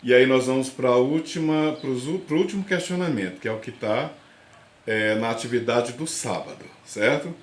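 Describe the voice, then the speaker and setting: A man's voice: medium pitch, moderate pace. A male language teacher giving a remote class, explaining step by step and often checking in with his students. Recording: roomy echo.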